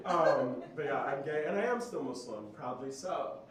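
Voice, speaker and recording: A young man from Central Florida doing a stand-up set, animated and self-mocking, often laughing. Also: a little high, slow pace, slight background noise. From Central Florida, USA. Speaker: stand-up comedian. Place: comedy club stage. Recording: echoey club, distant mic, crowd laughter. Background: audience laughter.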